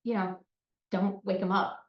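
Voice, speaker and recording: A woman's voice: medium pitch, fairly even intonation, measured pace. A woman presenting a psychology lesson in a conversational style, often checking in with "right?". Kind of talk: recorded presentation. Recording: muffled, echoey, from a distance.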